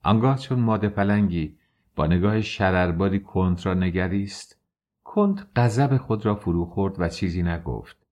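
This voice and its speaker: Guy with a deep low voice reading a novel out loud, steady and formal. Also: dull audio. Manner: measured, formal storytelling. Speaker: audiobook narrator. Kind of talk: literary audiobook narration.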